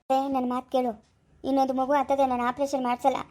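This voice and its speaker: A woman playing an insistent older village mother in an amateur family drama, pressing and scolding in quick bursts. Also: high-pitched, flat delivery, darkish tone, close to an everyday voice.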